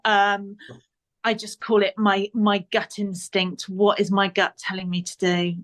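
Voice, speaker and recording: A woman's voice: mid-range voice, level tone, a little slow, a bit bright. A woman guest on a podcast interview, giving earnest motivational advice and repeating points for emphasis.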